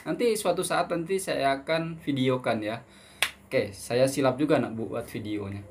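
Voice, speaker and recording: A young man from Indonesia hosts a relaxed question-and-answer vlog, reading viewers' messages aloud and then replying. His pitch sits in a plain middle range for a man, and his talk is loose and friendly, peppered with "ya" and borrowed Malaysian and English words. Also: normal speed, background noise. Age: 20s. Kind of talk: casual Q&A vlog.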